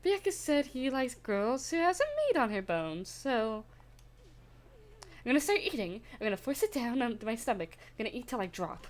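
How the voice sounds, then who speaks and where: A woman's voice: on the high side, sing-song, normal speed. Woman doing a spiteful gloomy schoolgirl. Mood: determined. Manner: bitter, sneering, insulting. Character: spiteful gloomy teenage girl, jealous and obsessive. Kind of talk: reading game dialogue aloud.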